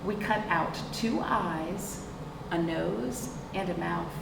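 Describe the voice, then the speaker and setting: Speaking slowly in a fairly low voice, a woman leads a children's storytime, reading with lots of expression and asking the young listeners simple questions. The sound is roomy and clearly noisy, picked up by a distant mic.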